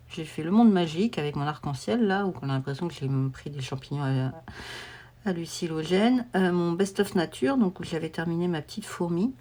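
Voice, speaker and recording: A woman's voice: low voice, darkish tone, slight background noise. A woman vlogger chatting casually to camera at home, rambling and meandering with many fillers and restarts. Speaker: coloring vlogger.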